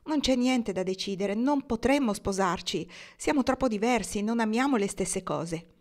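A woman's voice: fairly high pitch, animated, moderate pace, a little mellow, pitched above the performer's own voice, close to an everyday voice. A woman voicing a frank, spirited young woman in an audiobook, speaking earnestly and directly.

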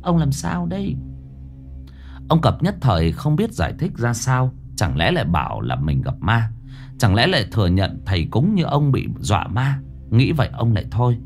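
A man's voice: lowish voice, sing-song, normal speed, darkish tone. A man narrating a scripted ghost story in a dramatic, suspenseful way. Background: faint background music.

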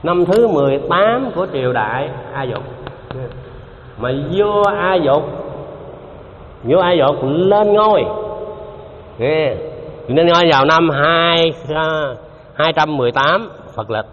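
A man's voice: on the high side, expressive, slow, pauses often, a bit bright. Man giving a rambling dharma talk. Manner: conversational, repeats himself, asks the audience questions. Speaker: Buddhist teacher. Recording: dull lo-fi hall recording with faint noise.

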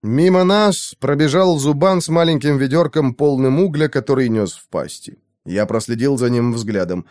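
A man reading a first-person fantasy audiobook in a lively, expressive way. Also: medium pitch, normal speed. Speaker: audiobook narrator.

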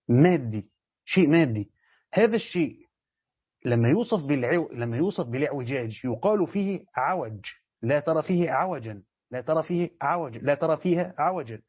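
A man's voice: on the high side, husky. A man with an Egyptian Arabic accent, a sheikh teaching a Quran commentary class who explains step by step and keeps checking that his students follow. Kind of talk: classroom lesson. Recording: dull lo-fi lecture recording.

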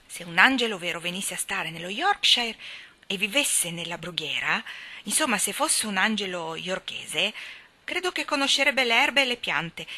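A woman voicing a sickly, spoiled young boy who bursts out in high, breathless excitement in a storybook reading.

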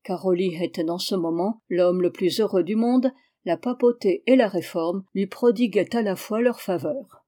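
A woman reading a history book aloud as an audiobook in a steady, measured way. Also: mid-range voice. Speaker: audiobook reader. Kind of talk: scripted narration of a history book.

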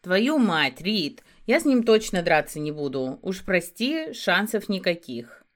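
An anxious young man speaks bluntly and urgently in an audiobook scene, voiced by a woman narrator. He swears freely and warns hard, in a voice set a little low. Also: lively intonation, unhurried. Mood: worried, urgent.

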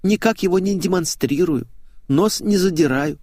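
A man's voice: high voice, normal speed, darkish tone, no room sound, studio quality, pitched above the performer's own voice. A man voicing a tearful, whiny, spoiled young woman office worker in an audiobook. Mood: hurt. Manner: tearful, pleading. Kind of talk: audiobook character voice.

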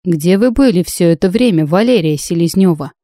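A woman's voice: lowish voice, expressive, moderate pace, warm tone, dry recording, studio quality, close to an everyday voice. A woman voicing a stern grey-haired mage who presides as judge and questions firmly.

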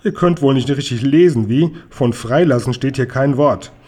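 A man reading a storybook aloud and voicing a gruff, bossy male robber who barks orders, with a husky voice. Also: medium pitch, moderate pace, a little mellow, lightly acted. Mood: sly. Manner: barking orders, mocking.

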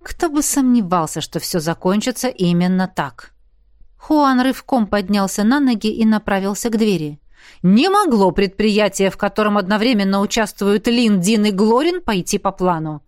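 A woman's voice: medium pitch, lively intonation, moderate pace, a little mellow, no echo, studio quality. Woman reading a fantasy audiobook. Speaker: narrator. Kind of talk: audiobook narration in first person.

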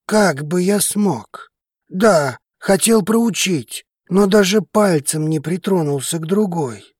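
A woman's voice: animated, slightly rough, no echo, clean studio sound, exaggerated voice. A woman voicing a tender, devoted male dragon lover. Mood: pleading. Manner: low, slow, hushed and pleading. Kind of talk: audiobook character reading.

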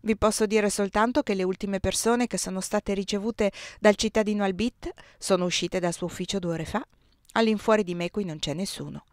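A woman reading aloud as a courteous young official with a dry, ironic edge, speaking in measured tones a little below her own voice. The sound is close and dry. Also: steady tone, no echo, natural voice. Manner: lower, quieter, measured delivery. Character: polite ironic young man, calm and official.

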